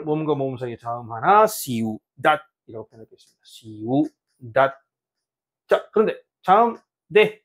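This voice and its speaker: Lively Korean man teaching a language class. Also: a little high. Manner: lively, repeats words slowly for students. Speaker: Spanish teacher. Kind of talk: beginner language lesson.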